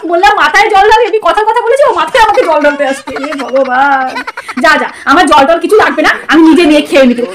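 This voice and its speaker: A woman in a scripted comedy skit, playing an exasperated older sister who scolds loudly. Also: very high voice, very fast, few pauses, noisy background.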